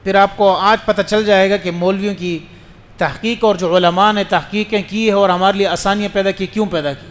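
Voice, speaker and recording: A man's voice: sits high, fairly even intonation, long reverb tail. A man giving a religious lecture as a mufti, questioning his listeners and explaining rules patiently. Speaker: mufti preacher.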